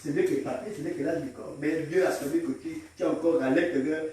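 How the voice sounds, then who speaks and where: A man preaching a call-and-response sermon as pastor, exhorting the congregation, repeating lines for them to echo and breaking into shouts. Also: fairly high pitch, steady tone, fast talker, slight background noise. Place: large echoing church. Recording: very echoey hall, mic far off.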